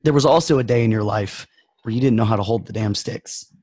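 Guy hosting a podcast, croaky and nasally from a cold, joking around. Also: lowish voice, brisk, a little mellow, no echo. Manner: joking, upbeat, powering through. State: hoarse from a cough, nasal. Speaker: podcast co-host. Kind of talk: casual podcast chat.

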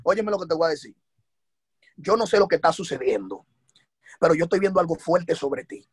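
Male preacher, husky high voice, rapid dramatic delivery, dry close sound. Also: lively intonation, dry recording. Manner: fast, dramatic storytelling with acted dialogue. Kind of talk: sermon.

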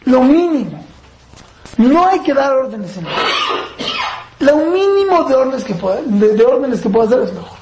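Running a parenting class, this woman speaks in a high register at an ordinary speed, her pitch rising and falling widely and her speech broken by frequent pauses. She throws rhetorical questions at the class and plays out parent-child conversations. There's a roomy echo and a faint hum of background noise.

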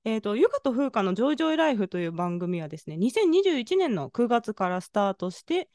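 A woman's voice: on the high side, big pitch swings, fast talker, darkish tone, no echo, clean studio sound. A woman guesting on a podcast in casual chat, modest and polite, often laughing.

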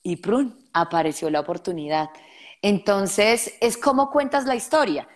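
A woman's voice: mid-range voice, unhurried. A young adult woman with a Colombian accent, a guest actress telling stories in an interview and acting out other people's voices as she goes. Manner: animated storyteller who acts out others' voices. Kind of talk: storytelling interview.

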